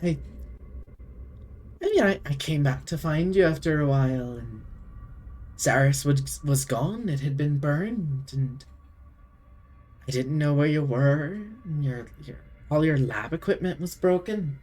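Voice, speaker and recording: A woman's voice: deep voice, expressive, unhurried, long pauses, a little mellow. A woman voicing a tender, doting female vampire noblewoman who calls people darling. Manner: affectionate, lingering, calls everyone darling.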